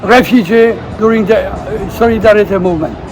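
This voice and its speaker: A man's voice: sits high, fairly quick, low-quality recording. A middle-aged man from Poland with a Polish accent, speaking emphatic, broken English. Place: city street outdoors. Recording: street with crowd and music.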